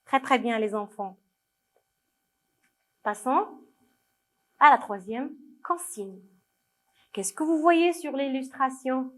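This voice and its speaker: A woman with a Moroccan accent guides young children through a French reading lesson. She talks slowly and patiently, with a voice a little above the usual pitch, and says each word twice for her pupils. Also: expressive, a bit bright. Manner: slow, patient, repeats words to her pupils. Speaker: primary school French teacher.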